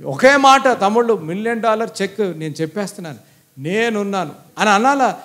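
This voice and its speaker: A male pastor preaching an animated sermon, often mixing in English phrases and speaking directly to the congregation. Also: high-pitched, fairly quick.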